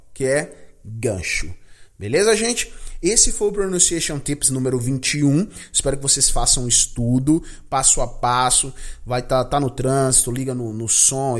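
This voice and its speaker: Brazilian man drilling English pronunciation. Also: mid-range voice. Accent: Brazilian Portuguese. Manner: drills words slowly, repeating each one and checking in with "beleza?". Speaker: English pronunciation teacher and podcast host. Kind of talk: podcast pronunciation lesson.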